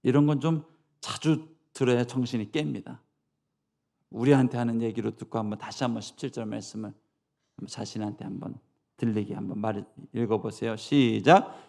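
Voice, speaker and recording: A middle-aged man, a senior pastor preaching a sermon, who jumps from loud dramatic scripture quotes to soft asides and leads the congregation in repeating lines. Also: mid-range voice, steady tone, brisk, vocal fry.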